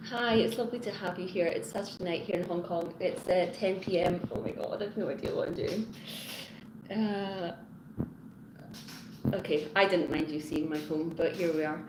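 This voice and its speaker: A woman's voice: fairly low pitch, normal speed, long pauses. A woman hosting a casual live stream from her home and chatting with viewers. She rambles, restarts her sentences and greets commenters by name as she goes. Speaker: live-stream host, teacher. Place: her home in Hong Kong. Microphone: phone front camera. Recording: echoey room with background noise.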